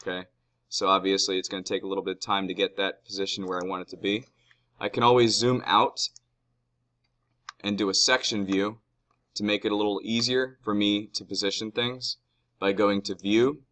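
A man teaching, calmly walking students step by step through a screen-recorded software tutorial at his computer. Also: lowish voice, normal speed. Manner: calm step-by-step explaining.

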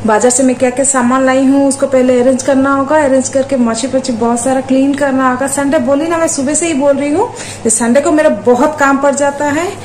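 A woman's voice: high voice, fairly even intonation, fairly quick, darkish tone, a little hiss or hum. A woman in her thirties chatting cheerfully to viewers in a casual home vlog, filmed on a handheld phone. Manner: chatty, cheerful, talks to viewers while cooking. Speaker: vlogger. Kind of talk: casual Hindi vlog narration. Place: outdoors on a roadside, then a home kitchen. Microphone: phone held at arm's length.

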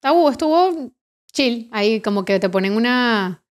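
A woman, a guest in a casual interview, talking candidly and bluntly with a sarcastic edge and drawn-out words. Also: on the high side, expressive. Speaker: guest, adult performer and comedian.

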